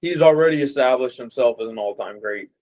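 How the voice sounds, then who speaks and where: This young man, a boxer from Las Vegas in the USA, has a medium-pitched voice and speaks slightly quickly. His casual interview chat is relaxed and meandering, full of fillers, and the sound quality is dull and lo-fi.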